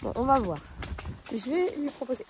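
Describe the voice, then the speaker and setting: High-voiced chatty woman outdoors. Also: big pitch swings, normal speed, darkish tone, slight background noise. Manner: chatty, explains as she goes, coos praise to her horse. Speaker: horse owner vlogger. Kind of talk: casual outdoor vlog commentary. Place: outdoors on a rural path with a horse. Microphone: phone held in one hand.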